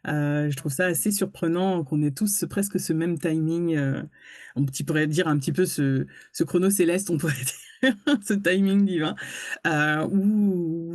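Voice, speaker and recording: A woman hosting an interview, speaking gently and reflectively with frequent pauses and hesitations. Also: low-pitched, no echo. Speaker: interviewer and host. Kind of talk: warm interview introduction.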